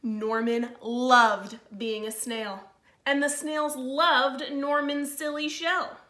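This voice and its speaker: Slow, bright-voiced woman teacher reading aloud. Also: high voice. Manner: slow, expressive storytelling with informal asides to pupils. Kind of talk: read-aloud of a picture book for children. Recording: roomy, echoey sound.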